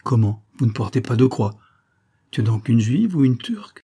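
A man's voice: mid-range voice, sing-song, normal speed, dark tone, husky. A man reading aloud, voicing an eager, flustered young lieutenant in an audiobook story, exclaiming and insisting. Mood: insistent.

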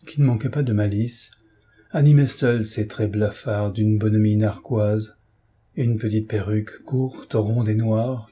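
A man narrates a classic novel in a measured, even storytelling voice. His tone is dark and mellow with a husky edge. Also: fairly low pitch. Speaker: audiobook reader. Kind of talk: reading a classic novel aloud.

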